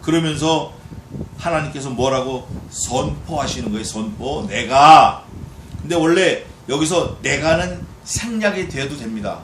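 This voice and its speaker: Animated Korean pastor preaching in an echoey church. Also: male voice, fairly high pitch, noisy background. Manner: animated preaching, acting out God's voice in dialogue. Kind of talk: expository sermon. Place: church sanctuary. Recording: echoey church hall, distant mic.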